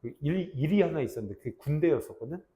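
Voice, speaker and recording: A man in his thirties, a teacher telling a class a story in a casual, animated way and acting out shouted army roll calls. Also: fairly high pitch, fast talker. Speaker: English teacher.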